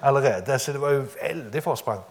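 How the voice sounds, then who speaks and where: A man giving a testimony sermon, telling his story dramatically and often laughing. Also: medium pitch.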